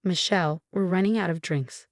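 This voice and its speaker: A woman voicing a bossy, critical older mother-in-law who orders others around, in a steady, low-set storybook reading with a dry, close sound. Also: moderate pace, no echo, close to an everyday voice. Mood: demanding. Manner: demanding and scolding.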